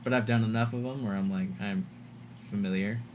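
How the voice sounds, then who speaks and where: A man's voice: on the low side, fairly even intonation, a little fast, a little mellow, slight background noise. A man livestreaming, ranting casually and with exasperation to his chat, swearing often. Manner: profane, exasperated, mocking quoted voices. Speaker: livestream host.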